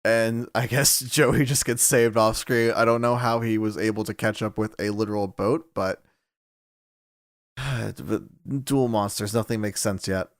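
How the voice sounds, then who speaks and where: A man co-hosting a podcast, chatting casually, laughing often and acting out characters in quick voices. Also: on the low side, fairly even intonation, no echo, clean studio sound. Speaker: podcast co-host.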